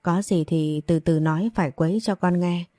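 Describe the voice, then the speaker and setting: A gentle middle-aged mother soothes and pleads in a storybook audio drama, read by a woman. Her voice is low and mellow, recorded dry. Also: fairly even intonation, moderate pace, no room sound, natural voice. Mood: gentle concern.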